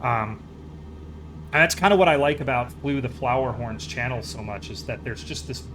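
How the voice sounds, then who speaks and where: A man's voice: mid-range voice, moderate pace, a bit bright, low-quality recording. A man chatting casually as a live streamer during a flight game, rambling along in an easygoing, enthusiastic way. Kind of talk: casual chat while playing a flight simulator.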